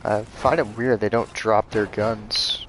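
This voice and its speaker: A man's voice: lowish voice, steady tone, a little slow, background noise. A man casually commenting while livestreaming a video game, muttering frustrated reactions as he plays. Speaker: streamer playing a video game. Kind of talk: casual live gameplay commentary.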